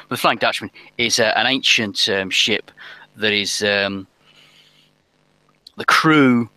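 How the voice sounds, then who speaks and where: A man running a tabletop role-playing game as game master, talking haltingly with many ums and restarts. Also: lowish voice, pushed and bright, no echo, low-quality recording.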